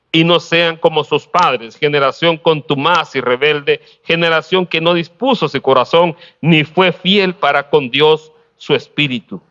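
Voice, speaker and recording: A man preaching a sermon, pausing often and asking rhetorical questions with a light laugh now and then. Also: on the high side, sharp tone, highs cut off. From Honduras.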